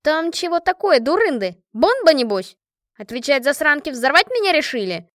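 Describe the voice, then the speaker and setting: A crude, rowdy woman colonel with a high, shouting voice and red hair, put on by a female audiobook reader. she curses her friends affectionately. the sound is dry and close, with no room around it. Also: lively intonation, brisk, dry recording, natural voice. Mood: gruff teasing. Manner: loud, rough, swearing. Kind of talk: audiobook character reading.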